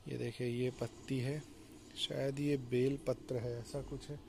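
A young man casually walking through his home garden with a handheld camera, explaining each plant in a relaxed way. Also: mid-range voice, unhurried, gravelly, noisy background. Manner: relaxed, explanatory, mixes English words into Hindi. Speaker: vlogger giving a garden tour. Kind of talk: casual walk-and-talk garden tour. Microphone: handheld phone or action camera, point-of-view. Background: faint outdoor ambience.

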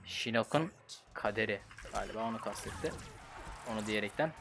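A young man with a Turkish accent, giving casual, slangy commentary while playing a fighting game at his computer and reacting loudly to each fight. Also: on the low side, a little fast, gravelly, background noise. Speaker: gaming channel host.

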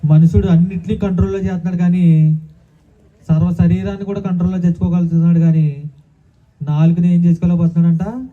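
Male pastor preaching, fairly high voice, tinny phone-like audio, lots of hallelujahs. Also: steady tone, fast talker, pauses often. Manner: preaching with repeated hallelujahs and rhetorical questions. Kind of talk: sermon.

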